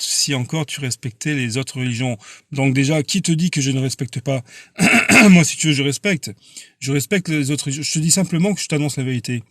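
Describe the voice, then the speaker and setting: Earnest and insistent, a man preaches casually during a live stream, answering viewer comments while halting and repeating words. His voice is a little high, and there's no echo.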